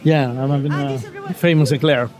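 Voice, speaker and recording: An Italian magazine editor answers questions in a casual interview, hesitating often with many fillers and restarts. His mid-range voice keeps fairly even intonation at a normal pace, with music playing underneath.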